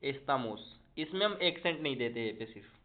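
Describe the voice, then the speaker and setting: A man's voice: fairly high pitch, expressive, fast. A man teaching Spanish in a casual online lesson, drilling conjugations aloud and often checking in with his students. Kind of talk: online language lesson in Hindi. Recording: tinny phone-like audio.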